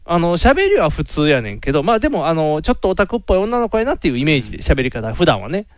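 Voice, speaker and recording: A quick, high-voiced man with a Kansai accent spins an animated story in casual podcast chat. His pitch swings widely as he jokes along. The sound is dry and close to the mic. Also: dry recording. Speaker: podcast host.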